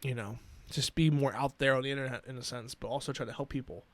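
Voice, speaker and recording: A man in his twenties hosting a solo podcast, earnest and emotional, talking haltingly with many restarts. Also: medium pitch, fairly even intonation, no room sound. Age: 20s. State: emotional, near tears. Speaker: podcast host. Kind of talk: personal solo podcast talk.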